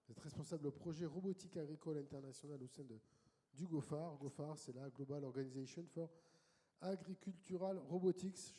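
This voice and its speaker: Man moderating in a reverberant hall. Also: fairly high pitch. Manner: lively, welcoming presenter. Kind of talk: event moderation. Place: conference hall.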